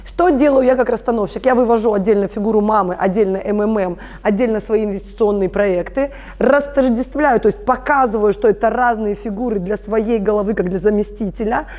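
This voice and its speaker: A woman's voice: mid-range voice, brisk, few pauses, a little mellow. A woman in her thirties, a family constellations facilitator, explaining her work earnestly in an interview. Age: 30s. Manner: earnest, explanatory, addresses listeners directly. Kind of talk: conversational interview.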